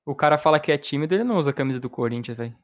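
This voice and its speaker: Animated, fast Brazilian man, teasing. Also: fairly high pitch, no echo, dull audio. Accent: Brazilian Portuguese. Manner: teasing, slangy. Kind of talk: casual group chat.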